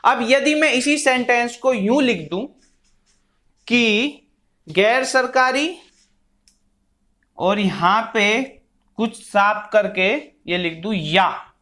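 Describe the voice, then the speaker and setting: A man's voice: very high-pitched, expressive, pushed and bright. A man teaching a grammar lesson, explaining patiently with simple examples and dictating words one at a time as he writes. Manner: slow, dictating words one by one while writing.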